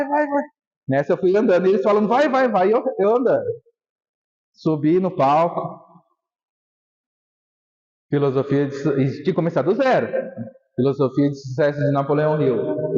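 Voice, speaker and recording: Guy with a high voice telling his story on stage, emotional motivational talk, kinda dull lo-fi live recording. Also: darkish tone, in a large hall. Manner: emotional, storytelling, acts out remembered scenes. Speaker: motivational speaker.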